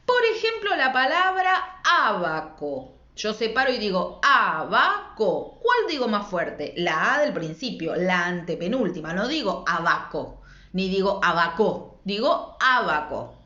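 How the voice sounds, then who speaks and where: A woman's voice: medium pitch, sing-song, moderate pace, hardly any pauses, fairly bright tone. A woman teacher with an Argentine Spanish accent, explaining spelling rules in a patient, didactic way and checking in with rhetorical questions. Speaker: secondary school language teacher. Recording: echoey room, dull lo-fi sound.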